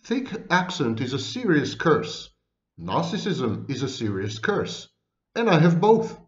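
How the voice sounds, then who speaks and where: A man's voice: a little high, very animated, echoey room, highs cut off. Man with a thick foreign accent, lecturing. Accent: foreign accent, non-native English. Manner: emphatic, lists words one by one with long pauses. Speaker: psychology lecturer. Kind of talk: lecture to camera.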